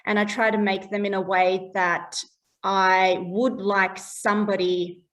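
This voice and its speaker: A woman's voice: medium pitch, little pitch movement, a little slow, a bit bright, recorded from a distance. A chatty woman in an interview, explaining her property valuer work in plain terms and laughing often. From Australia. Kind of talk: casual interview chat.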